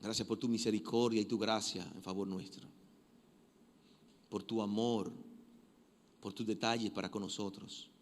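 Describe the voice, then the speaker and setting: A man preaching a sermon, emphatic and given to repeating phrases, shifting from loud exhortation to quiet prayer. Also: on the low side, steady tone, moderate pace, pauses often. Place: church. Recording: long reverb of a church hall.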